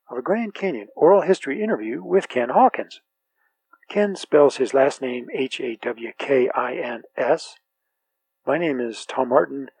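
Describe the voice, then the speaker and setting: A man's voice: medium pitch, a little mellow, husky, rough recording. A man conducting an oral history interview, asking informal questions with hesitant phrasing.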